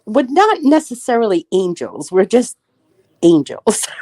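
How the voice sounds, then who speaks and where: Emotional gushy woman on a livestream, talks slow, kinda high. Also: big pitch swings, mellow, no room sound. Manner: effusive, gushing, emotional. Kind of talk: casual livestream chat.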